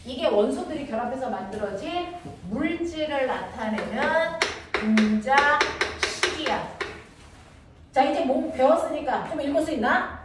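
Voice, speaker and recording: A woman with a high voice teaches a science class, firing off playful check questions to her students. She sounds distant from the mic, in a very echoey room. Steady noise runs under the recording. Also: unhurried. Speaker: middle school science teacher. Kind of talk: classroom lesson with call-and-response questions.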